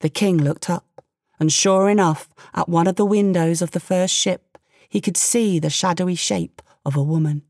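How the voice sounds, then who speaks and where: A woman narrating a fairy tale with expressive, playful storytelling and the odd aside. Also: fairly low pitch, normal speed, dry recording, clean studio sound.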